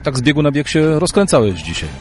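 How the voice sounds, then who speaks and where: A man's voice: fairly high pitch, sing-song, quick pace, faint music behind. A male sports reporter interviewing riders and a coach and reading results, asking short leading questions.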